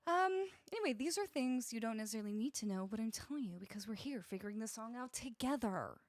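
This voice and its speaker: A chatty woman music streamer talks casually with her live viewers, laughing often and greeting each one by name. Her voice sits a little high and swings widely in pitch. A close studio mic gives a dry, intimate sound with no room echo. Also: expressive, fast talker. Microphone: studio broadcast microphone, close.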